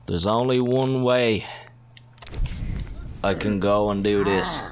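A foul-mouthed man talks through his game in a casual let's-play, his voice sitting very low and his pace slow and drawn out. He swears constantly and flares into excitable outbursts. A faint hiss of noise runs underneath. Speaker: gaming commentator.

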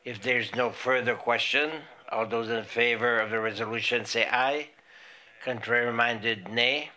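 A middle-aged man, the mayor, chairing a formal council meeting in a large chamber at a desk microphone, in a measured, procedural way. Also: mid-range voice, fairly even intonation, pushed and bright. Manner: measured, procedural, slow reading of numbers.

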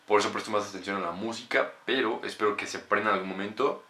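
A Mexican man in his twenties, a native Spanish speaker, reacts to music in a fast, sharp, fairly low voice, chatting casually with slang and swearing. He's in a small bedroom with roomy echo, faint music, and a slight hiss or hum.

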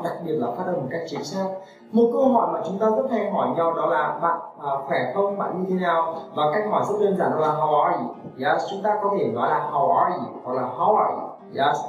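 A woman teaching an online English lesson, patiently repeating model phrases slowly for learners to copy. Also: on the low side. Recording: echoey room, mic at a distance, faint music.

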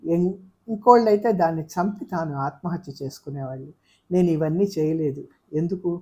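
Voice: medium pitch, normal speed, dark tone, lightly acted. A reader voicing a hurt young man who pleads bitterly in an audiobook of a novel. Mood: anguished. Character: wounded young man pouring out grievances. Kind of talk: audiobook character voice.

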